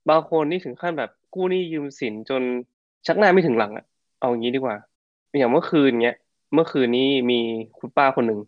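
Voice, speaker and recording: Fast-talking male podcast co-host, dry lo-fi sound. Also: medium pitch, dry recording. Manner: chatty storyteller, slangy and animated. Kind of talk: casual podcast chat.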